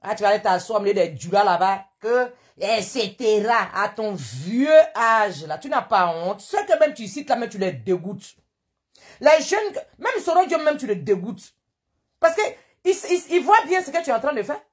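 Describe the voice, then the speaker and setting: A woman's voice: mid-range voice, sing-song, moderate pace. A woman with an Ivorian French accent hosts a live stream, scolding indignantly and hammering the same rhetorical questions. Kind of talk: live-stream political rant.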